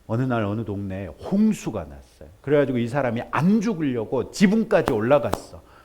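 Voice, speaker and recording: A man preaching to his congregation, his pitch swinging widely as he tells the story. He switches between quiet, plain asides and loud, animated bursts when he plays the people in it. His voice sits at a middle pitch. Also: moderate pace. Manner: animated storytelling, acts out characters in raised voice. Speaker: pastor. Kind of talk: sermon.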